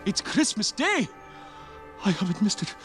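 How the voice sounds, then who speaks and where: An actor playing a giddy, reformed old miser who cackles and giggles breathlessly in a film. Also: male voice, high voice, big pitch swings, unhurried, fairly bright tone, soft background music, heavily acted. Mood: elated. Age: older. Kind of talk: film acting. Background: film score.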